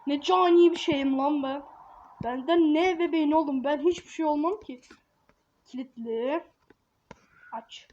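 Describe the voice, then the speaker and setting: A woman's voice: high voice, unhurried, pauses often, darkish tone. A woman giving casual, slangy gameplay commentary, joking around and scolding a baby in the game. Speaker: gaming YouTuber. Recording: dull lo-fi with faint hiss.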